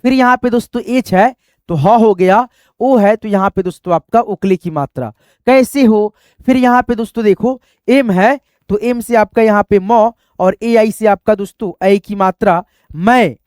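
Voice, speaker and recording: A man's voice: high-pitched, normal speed, a little mellow, clear, resonant tone, no room sound, studio quality. A man teaching a reading lesson, patiently repeating each step and addressing viewers as friends. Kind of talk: explaining a spelling lesson.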